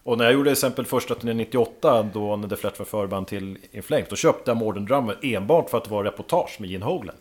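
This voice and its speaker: A man, a drummer, chatting casually as a guest and telling lively stories with plenty of casual swearing. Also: on the low side, hardly any pauses. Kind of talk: casual podcast chat.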